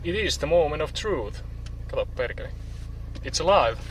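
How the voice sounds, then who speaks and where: A man's voice: fairly high pitch, big pitch swings, a little fast, rough recording. Finnish-accented man talking casually over noise. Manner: informal, offhand, mildly sweary. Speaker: car hobbyist video host. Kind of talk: casual vlog talk. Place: in a car on a parking lot.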